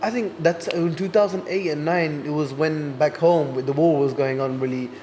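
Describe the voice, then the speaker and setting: Young male artist guest, twenties, hesitant and reflective, slightly high voice. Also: moderate pace, a little mellow, a little hiss or hum. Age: 20s. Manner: thoughtful, hesitant with many ums. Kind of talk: casual interview chat.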